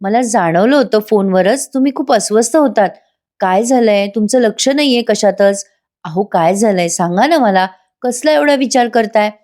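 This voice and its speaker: Woman narrator plays a concerned young wife, gentle and coaxing. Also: medium pitch, moderate pace, lightly acted. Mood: worried. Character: caring young wife Sayali.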